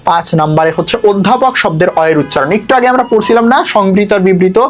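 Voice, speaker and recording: A man's voice: high-pitched, expressive, fast, soft background music. Chatty male tutor. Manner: chatty, checks in often with rhetorical questions. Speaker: admission test tutor. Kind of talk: exam prep lesson.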